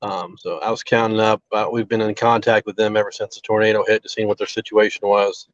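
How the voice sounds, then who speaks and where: A man with a low, flat voice speaks over a poor call connection that breaks up. The audio is dull and lo-fi, with almost no room sound. He talks in a halting, earnest way, leaning on fillers as he goes. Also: no echo. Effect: choppy, breaking-up call connection. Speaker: restaurant owner. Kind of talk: live remote interview. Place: outdoors near a relief center. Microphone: video call over a bad mobile connection.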